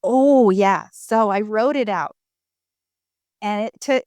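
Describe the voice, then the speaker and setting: An animated woman speaking candidly as an interview guest about her own life. Her slightly high voice is smooth and resonant, recorded close and dry with almost no room sound. She talks emphatically, with big pitch swings and casual fillers. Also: no echo. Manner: conversational, with frequent fillers. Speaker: guest sharing her recovery story. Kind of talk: candid personal storytelling.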